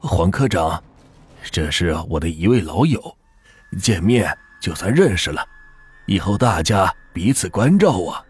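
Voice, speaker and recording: A man voicing a cheerful, eerie old morgue keeper gone mad, in a folk ghost story, with a husky, theatrical storyteller's cadence. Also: deep voice, very animated, measured pace, faint music behind, exaggerated voice. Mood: eerily cheerful.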